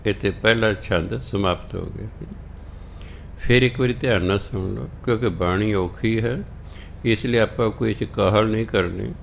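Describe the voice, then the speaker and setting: A man explaining scripture in a slow sermon, repeating and explaining each word patiently. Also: on the low side, creaky, fairly bright tone, slight background noise. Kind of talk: slow devotional scripture exposition.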